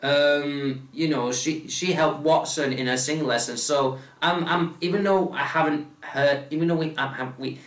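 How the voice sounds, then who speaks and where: A man's voice: on the high side, fairly even intonation, normal speed, hardly any pauses, a bit bright. A man chatting casually about a movie trailer, hesitant and stammering, with frequent restarts and filler words. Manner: hesitant, stammering, full of restarts and "you know". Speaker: movie trailer reaction vlogger. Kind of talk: casual movie reaction commentary. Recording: echoey room, mic at a distance.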